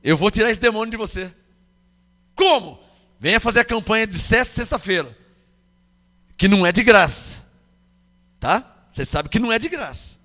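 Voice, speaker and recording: A man's voice: high voice, expressive, normal speed, long pauses, sharp tone, in a large hall. A man with a Brazilian Portuguese accent preaching a sermon, emphatic, questioning the congregation and acting out quoted voices. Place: church hall.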